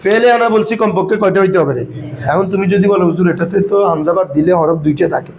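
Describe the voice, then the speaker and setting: Guy teaching arabic grammar class, highish voice, keeps quizzing the kids, light background hiss. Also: quick pace, a little mellow, poor audio. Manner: questioning students, calling them baba. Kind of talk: classroom lesson.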